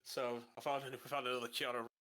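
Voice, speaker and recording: A man's voice: medium pitch, flat delivery, quick pace, bright, forceful tone. A man co-hosting a casual chat over a video call, his audio cutting out as the connection drops, talking about movies with enthusiasm. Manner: enthusiastic, rambling movie talk. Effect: connection breaking up, audio cutting out. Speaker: co-host.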